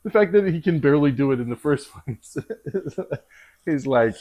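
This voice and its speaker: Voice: mid-range voice, expressive, moderate pace, warm tone. A livestream host chatting casually, laughing and restarting sentences often. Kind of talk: casual chat reacting to a podcast.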